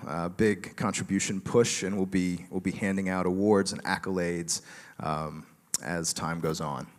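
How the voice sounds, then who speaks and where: A man giving a relaxed conference talk with a joking tone and many fillers, speaking in a large auditorium. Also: low voice, in a large hall.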